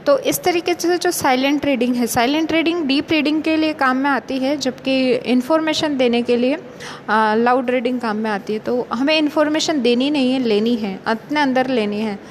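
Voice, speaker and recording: A young woman teacher gives a patient lecture, mixing in English terms. Her voice sits high, and faint noise hums behind her. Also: moderate pace. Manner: patient, explains with everyday examples. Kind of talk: explanatory lecture in Hindi mixed with English terms.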